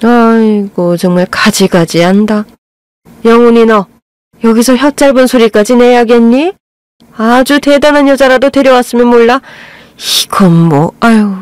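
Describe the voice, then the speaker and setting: A woman's voice: on the high side, normal speed, darkish tone, smooth, dry recording, voice pushed up, close to an everyday voice. A woman voicing a harsh, snobbish middle-aged mother-in-law who scolds and sneers. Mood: scolding.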